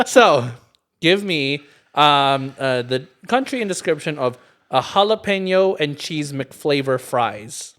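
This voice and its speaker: A man's voice: on the high side, animated, takes it slowly, fairly bright tone. A man co-hosting a podcast in casual chat, quizzing his friend, laughing often and hunting for words. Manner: giggly, quizzing, loses words mid-sentence. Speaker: podcast co-host, quizmaster.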